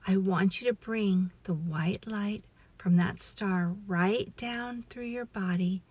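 A woman leading a guided relaxation meditation as a story, in a soothing, hushed, breathy voice that often nears a whisper. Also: mid-range voice. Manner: slow, soothing, hushed delivery.

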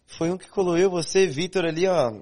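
A young man from Goiânia with a Goiás accent, telling stories in a slangy, animated casual chat. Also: sits high, a little fast. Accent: Goiás Brazilian Portuguese. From Goiânia, Brazil.

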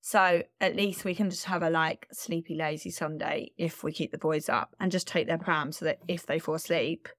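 A woman's voice: sits low, fairly even intonation, normal speed, few pauses, fairly bright tone, no echo, studio quality. A woman co-hosting a podcast in casual chat, chatty and self-deprecating, with a bunged-up nose. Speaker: podcast co-host.

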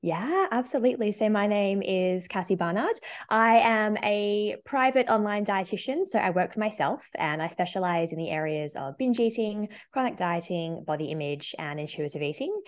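A woman speaking as a dietitian guest in a conversational interview, telling her story in an animated way. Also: medium pitch, normal speed.

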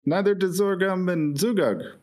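A man's voice: high-pitched, animated, normal speed, darkish tone, voice pushed up. Mocking brash adventurer, a man putting it on. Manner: mocking, mimicking bravado.

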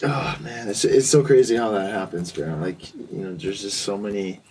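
A man's voice: on the low side, normal speed, a little mellow, far from the mic, a little hiss or hum. A man hosting a casual chat interview in an informal, slangy manner. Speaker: interviewer, host.

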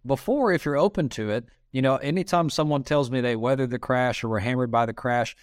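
Resonant and clear, this man's medium-pitched voice moves a little fast as he hosts a casual podcast interview in a Southern US accent. He keeps it chatty with lots of "you know," and the recording is dry and studio-clean.

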